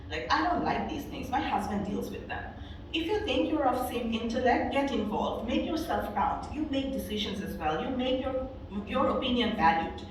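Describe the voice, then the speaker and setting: A woman's voice: a little high, a little hiss or hum. A woman from Bangladesh gives a motivational speech as a guest speaker, telling stories earnestly with frequent fillers. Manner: earnest storytelling with frequent "you know" fillers. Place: event hall. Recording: echoey hall, voice from a distance.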